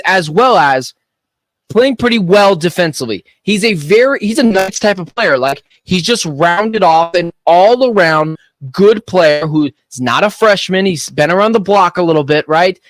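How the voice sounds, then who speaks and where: A high-pitched man co-hosts a sports betting radio show, animated and opinionated, tossing in quick joking asides. He speaks into a studio microphone with no room sound.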